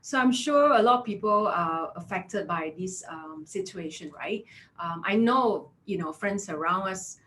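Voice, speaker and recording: A Malaysian HR consultant in her thirties presents a career webinar in Malaysian English, chatty and filler-heavy, constantly affirming with "yeah" and "right?". Her lowish voice is animated, a bit bright and a little slow, with slight background noise.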